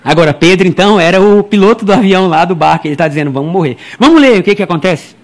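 A man preaching a lively, humorous sermon in a church, chatting with his listeners and calling them brother. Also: high-pitched, rapid-fire. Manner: acts out quoted people in his stories. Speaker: pastor.

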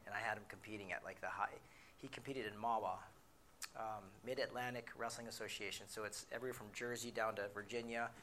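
A middle-aged man giving a motivational talk, telling personal stories with lively swings from quiet asides to loud acted quotes. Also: medium pitch. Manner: animated storyteller, shouts in acted quotes, drops to quiet asides.

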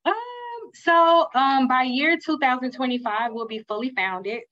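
A woman's voice: sits high, fairly even intonation, measured pace, bright, forceful tone, muffled recording. A woman from Mississippi with a Southern country accent, speaking conversationally as an interview guest. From Mississippi, United States. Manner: country way of talking. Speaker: podcast guest, school leader.

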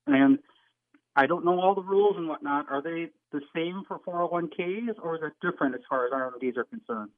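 A man's voice: on the high side, lively intonation, brisk, no echo. A man of about sixty calling in to a radio show over a phone line, asking direct, probing questions. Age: 60s. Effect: heard over a phone line. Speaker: radio call-in caller. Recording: tinny dry phone line.

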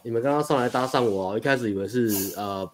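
A faint hiss or hum accompanies a young dating coach's medium-pitched voice as he chats casually. He tells his story rapidly and loosely, restarting frequently and laughing as he goes.

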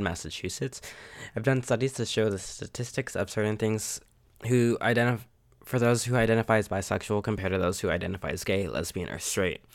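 A young man with a congested, sick voice, sniffling as he talks bluntly and candidly in a casual solo podcast monologue. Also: on the low side. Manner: candid and blunt, swears, laughs at himself. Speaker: podcast host.

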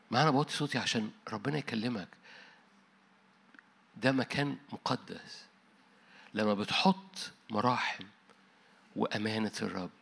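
A man with an Egyptian Arabic accent preaches a sermon in a gravelly voice with a breathy edge. He is emphatic and full of rhetorical questions, dropping his voice low at the close.

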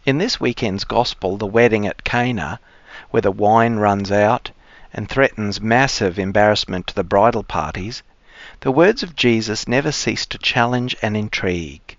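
A man speaking as a cleric, giving measured, formal scripture readings and reflection. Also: on the low side, dry recording. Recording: dry, slightly dull close sound.

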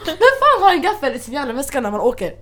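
High, lively young woman telling a story. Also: crowd noise. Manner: animated, acts out other people's lines with laughter. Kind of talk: casual storytime chat.

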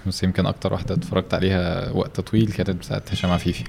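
A man with an Egyptian Arabic accent talks quickly as a podcast guest. His voice is low and creaky, and he speaks in a casual, conversational storytelling way. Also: flat delivery, darkish tone, a little hiss or hum. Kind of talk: casual interview chat, telling stories.

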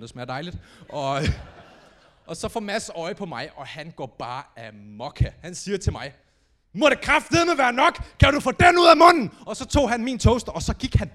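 A young man performing a stand-up comedy set on stage, telling stories animatedly and acting out quotes with sudden shouts. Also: sits high. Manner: animated storytelling, acts out quotes with big shouts. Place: comedy stage before a live audience.

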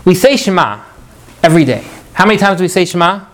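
A man teaching a Torah class to students, animated, asking rhetorical questions and mixing in Hebrew prayer phrases. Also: high voice, fast talker, slight background noise. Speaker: religious teacher.

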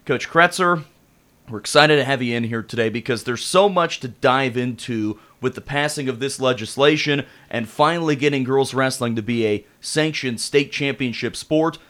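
A man's voice: mid-range voice, normal speed, a bit bright. American man hosting sports talk radio. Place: radio studio.

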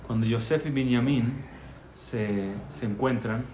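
A man's voice: mid-range voice, measured pace. A man teaching Torah in conversation, telling stories and asking rhetorical questions. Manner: animated storyteller, asks rhetorical questions. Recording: echoey room with faint background noise.

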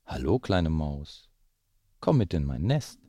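A man's voice: extremely low pitch, sing-song, slow, dark tone, no room sound, clean studio sound, full character voice. A man voicing a coaxing snake in a rhyming children's story, drawing out his words. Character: slithery snake, coaxing and sly.

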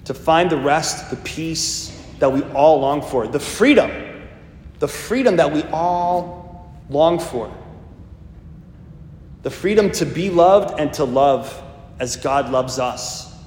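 A man's voice: fairly high pitch, expressive, slow, pauses often, a little mellow, a little hiss or hum. A priest in his fifties giving a homily in a conversational, storytelling way. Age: 50s. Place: church. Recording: echoey church, long reverb, faint ambience.

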